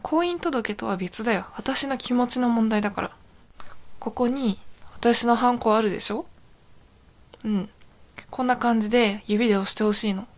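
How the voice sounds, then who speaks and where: A woman's voice: on the high side, moderate pace, long pauses, natural voice. Sweet, eerily obsessive young yandere girlfriend, acted by a woman. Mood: insistent, possessive. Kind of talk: intimate girlfriend role-play audio drama.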